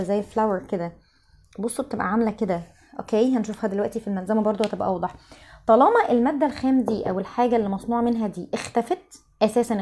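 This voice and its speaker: Young Egyptian Arabic woman teacher, slightly high and mellow, quick talker who drills vocabulary syllable by syllable. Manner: drills words slowly syllable by syllable, quick explanations. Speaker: English teacher. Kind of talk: recorded English vocabulary lesson.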